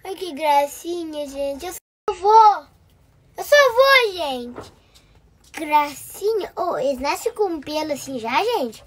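A hoarse, squeaky old grandpa in a comedy vlog. He talks in a very high, piping voice and gushes with doting, affectionate delight. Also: expressive, slow pace, fairly bright tone, heavily acted.

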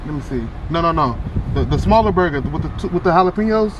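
A young man in his car ordering at a fast-food drive-through, stumbling and restarting as he works out the menu. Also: on the high side, expressive, highs cut off, background noise. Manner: hesitant, stumbling over the menu. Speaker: food vlogger.

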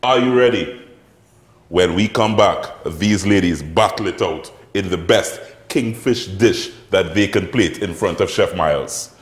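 A middle-aged Trinidadian man hosting a TV cooking contest like a booming prize announcer, drawing out names. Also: measured pace, reverberant. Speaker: cooking competition host. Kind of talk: TV show presenting. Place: TV studio kitchen.

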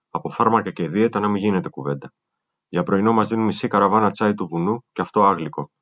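Grave man reading a memoir, muffled. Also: fairly low pitch. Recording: muffled lo-fi recording.

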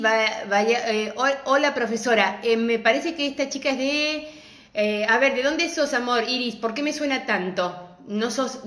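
A woman's voice: on the high side, fairly bright tone. A middle-aged woman with an Argentine accent, chatting affectionately and laughing often as she greets viewers of her live crafts class from home. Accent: Argentine Spanish. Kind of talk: casual live-stream chat. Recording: echoey room.

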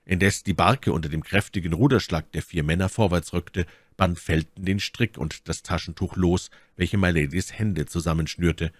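A man reading a classic novel aloud as a narrator, with expressive, dramatic narration. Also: deep voice, moderate pace, few pauses, no room sound. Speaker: audiobook narrator.

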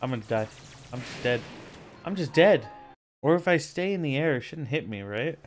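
A man streaming a game live, reacting loudly, swearing often and mocking himself as he plays. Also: mid-range voice, moderate pace, soft background music. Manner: excitable, swears a lot, mocks himself. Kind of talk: live gameplay commentary.

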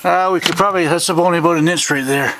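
A chatty, folksy middle-aged hobby pilot jokes as he narrates building hangar doors outdoors, filming on a handheld or head-mounted camera. He talks fast in a fairly high, fairly even voice, and the outdoor camera audio is noisy.

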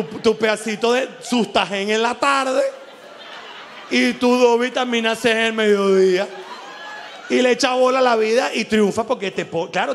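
Venezuelan guy doing stand-up, crude and animated, high gravelly voice. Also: slight background noise. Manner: animated, crude, laughs often, acts out voices. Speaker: stand-up comedian. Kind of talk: stand-up comedy monologue. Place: live show venue.

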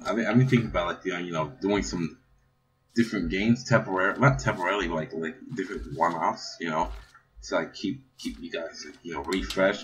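Deep-voiced man rambling over gameplay. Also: slight background noise. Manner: rambling, with many fillers and repeated words. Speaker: gaming video host. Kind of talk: casual let's play commentary. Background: laptop fan whirring.

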